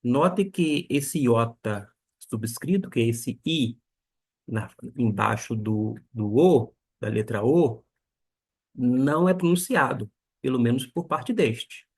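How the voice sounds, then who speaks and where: A man teaching a beginner lesson on Koine Greek, slowly spelling out each pronunciation. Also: mid-range voice, a little mellow, breathy edge. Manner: slow and deliberate, spelling out pronunciations.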